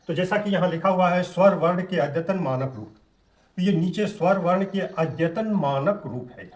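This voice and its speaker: Slow, high-voiced male teacher. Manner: slow, drawn-out vowel demonstrations; patient, explanatory teaching tone. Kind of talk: Hindi grammar lesson.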